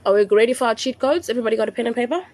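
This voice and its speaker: A South African woman hosts a spiritual live stream from her phone, explaining rituals slowly, repeating her instructions, and slipping into Zulu phrases. Her voice is fairly high and a little mellow.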